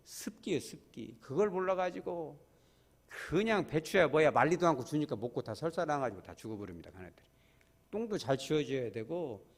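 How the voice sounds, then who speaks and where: A pastor preaches in a loose, joking storyteller's way. His fairly high voice swings widely up and down as he talks. The church hall adds a long, ringing reverb behind him. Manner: humorous, colloquial storytelling. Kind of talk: sermon. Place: church sanctuary.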